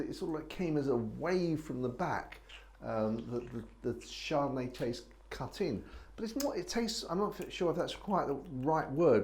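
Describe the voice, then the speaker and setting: A man's voice: a little high, a little mellow. Chatty man reviewing wine. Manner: chatty, rambling with many restarts. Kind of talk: casual wine tasting chat.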